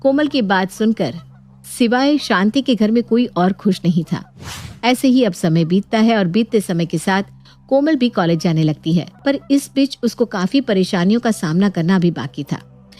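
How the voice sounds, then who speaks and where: A woman narrating a cartoon bedtime story in a steady storytelling manner. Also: medium pitch, normal speed.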